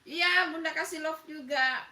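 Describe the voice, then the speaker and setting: A woman's voice: high-pitched, measured pace, sharp tone, recorded from a distance. A middle-aged woman from Makassar with a Makassar accent, hosting a casual live stream and chatting with viewers by name. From Makassar, South Sulawesi. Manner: chatty, greets viewers by name, laughs often. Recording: echoey room, voice off-mic.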